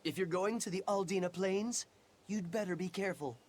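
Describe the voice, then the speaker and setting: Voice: medium pitch, brisk, darkish tone, no room sound, natural voice. An actor in a video game playing a frightened traveller who tells a dramatic tale of a monster. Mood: shaken. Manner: storytelling, dramatic.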